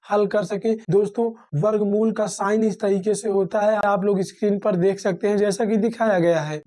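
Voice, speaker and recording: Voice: medium pitch, dark tone. A teacher explaining a math method step by step, often addressing listeners as friends and answering their own questions. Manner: repeats and rephrases steps.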